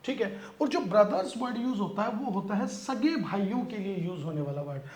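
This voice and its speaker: A man teaching an exam-prep grammar lesson. He explains in Hindi, mixes in English phrases, slows down to read the example sentences and often checks in with his students. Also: high voice, expressive, a little mellow. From India. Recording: echoey room with faint background noise.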